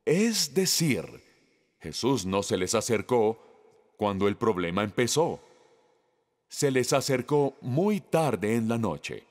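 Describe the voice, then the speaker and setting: A man's voice: mid-range voice, sing-song, slow pace, big-room sound. A man preaching a sermon, reading scripture aloud and putting questions to the congregation.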